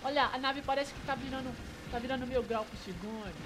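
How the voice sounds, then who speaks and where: A player with a Brazilian Portuguese accent doing casual co-op gameplay commentary, playful and teasing, laughing and shouting at the action. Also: high voice, quick pace, heavy background noise. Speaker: co-op gameplay partner. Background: game music.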